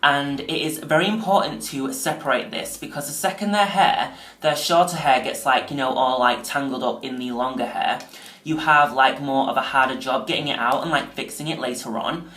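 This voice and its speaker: A man talks in a loose, rambling way, full of fillers, as he walks viewers through a home tutorial. His mid-pitched voice bounces around a small, echoey tiled bathroom. The hard walls add a clear ringing tail to every phrase. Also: moderate pace, bright, forceful tone. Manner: chatty, filler-heavy, says "like" and "um" often. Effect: echoey tiled bathroom sound. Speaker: doll restoration vlogger. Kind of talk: casual rambling tutorial chat.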